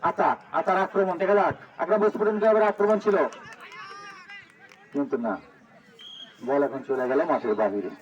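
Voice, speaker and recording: High-pitched, rapid Bangladeshi man commentating football. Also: animated, recorded from a distance, muffled recording. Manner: urgent, repeats names and calls. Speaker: live football match commentator and announcer. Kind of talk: excited running football commentary. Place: outdoors at a local football ground.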